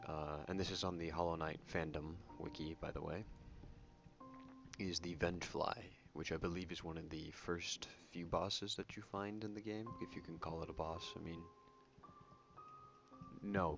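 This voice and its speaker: A soft-spoken man giving casual, rambling ASMR commentary on a video game, correcting himself as he goes. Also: fairly even intonation, moderate pace, creaky. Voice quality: soft-spoken, low voice without whispering. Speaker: YouTube game channel host. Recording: muffled audio under prominent music. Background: music.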